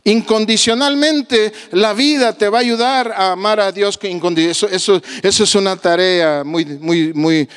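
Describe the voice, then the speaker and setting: A male pastor with a Guatemalan accent preaching a sermon emphatically, moving between low, confiding tones and raised exclamations, and acting out the voices of the people he quotes. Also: moderate pace, hardly any pauses, a bit bright, smooth, big-room sound. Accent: Guatemalan Spanish. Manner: acts out quoted voices of the people he tells about.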